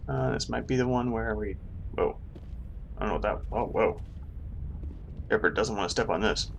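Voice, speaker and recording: This gamer host speaks fast in a fairly low voice, and the recording's highs are cut off. He explains his play with dry, light humor while game effects and vehicle sounds come through clearly behind him.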